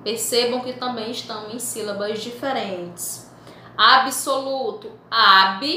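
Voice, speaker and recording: A woman teaching a school language lesson, slowly stretching out and repeating example words so pupils can follow. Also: fairly high pitch, steady tone, bright, forceful tone, slight background noise. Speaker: Portuguese teacher. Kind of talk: recorded remote school lesson. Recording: echoey room.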